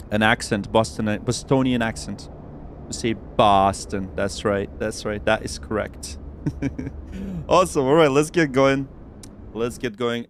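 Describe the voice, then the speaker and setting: A man's voice: mid-range voice, slight background noise. A young man streaming a flight simulator, talking casually and cheerfully to his viewers, rambling with fillers as he works. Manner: chatty, upbeat, rambling with fillers and self-talk. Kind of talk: casual livestream commentary.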